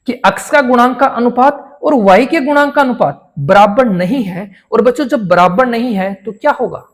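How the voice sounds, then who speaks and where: A man teaching a school maths lesson, asking his pupils questions, answering them himself and repeating each key answer. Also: sits high. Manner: addresses pupils warmly as children.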